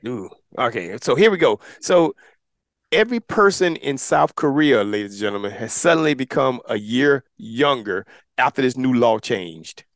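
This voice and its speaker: A man hosting a podcast chat whose pitch swings up and down as he jokes and laughs. He addresses listeners like an announcer. The sound is dry and close. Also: animated, normal speed, dry recording. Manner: playful, laughs often, announcer-like asides. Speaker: podcast host. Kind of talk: casual chat.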